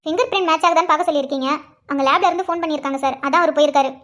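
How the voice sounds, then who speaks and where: A woman's voice: sits high, a bit bright. A woman voicing a dutiful female police constable in a cartoon who reports to her superior respectfully. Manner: respectful, brisk and informative.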